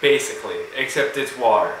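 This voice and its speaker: Man rambling in a bright, echoey room. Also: medium pitch, a little fast. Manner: rambling, hesitant, makes up answers with confidence. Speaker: guest answering a quiz question. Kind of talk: casual improvised explanation. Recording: echoey room with faint hiss.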